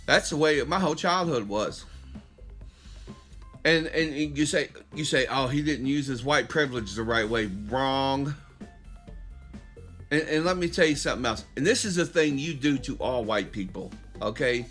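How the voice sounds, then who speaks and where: A middle-aged man hosting a podcast gives a passionate, preachy monologue of his opinions aimed squarely at listeners, restarting often. His medium-pitched voice is expressive and a bit bright at normal speed, with soft music in the background.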